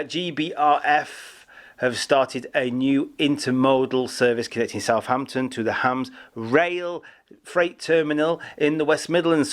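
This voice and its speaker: Chatty male rail news host. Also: medium pitch. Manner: chatty, self-deprecating asides. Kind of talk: casual rail news presenting.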